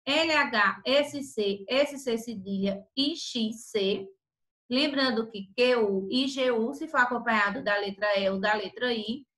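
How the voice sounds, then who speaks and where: Woman teacher, crisp bright voice, slightly high, patient and repetitive. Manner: patient, spells out letters one by one; repeats herself and self-corrects often. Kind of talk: correcting a worksheet for pupils.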